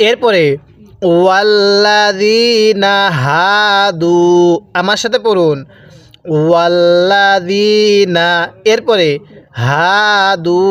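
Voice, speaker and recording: A man teaching Quran reading in Bengali, stretching each recited word slowly and then explaining quickly, with a Bangladeshi accent. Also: sits high, dry recording. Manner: drawn-out recited words between quick explanations. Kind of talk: slow spelled-out Quran reading lesson.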